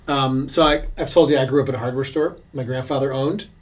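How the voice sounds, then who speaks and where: A man's voice: medium pitch, fairly even intonation, quick pace. A man co-hosting a casual church chat, telling stories in an easygoing way and laughing often. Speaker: church podcast co-host.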